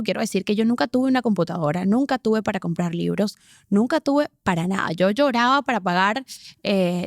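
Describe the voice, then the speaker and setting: Animated woman from Venezuela, dry studio sound. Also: mid-range voice, no echo. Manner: animated, emphatic, talks in quick bursts. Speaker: interview guest, sports presenter. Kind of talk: candid storytelling in an interview.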